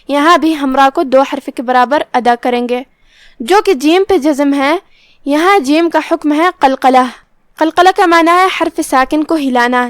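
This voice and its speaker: A woman with a high-pitched voice leads a tajweed lesson, explaining pronunciation rules one word at a time. She recites the verses slowly, drawing out each sound. The recording is dry and close. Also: dry recording. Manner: slow, drawn-out recitation between steady explanations. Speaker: Quran recitation teacher.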